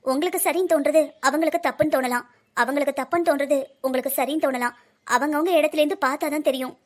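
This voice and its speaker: A gentle young daughter-in-law in a cartoon drama, voiced by a woman. She speaks politely and carefully. Her voice is high and quick. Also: fairly even intonation, lightly acted. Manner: polite, measured.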